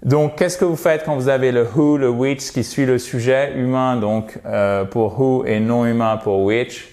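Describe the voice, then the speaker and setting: A French-speaking man teaching English in a video lesson, lively, saying English sentences slowly and clearly. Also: mid-range voice.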